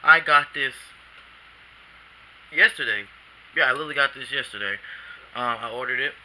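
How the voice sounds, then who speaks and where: A man's voice: medium pitch, normal speed, sharp tone, a little hiss or hum, poor audio. A man reviewing an action figure at home in a rambling, casual way, often restarting his sentences, a bit drowsy after a nap, recorded on a camcorder. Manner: rambling, self-correcting, casual slang. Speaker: toy reviewer.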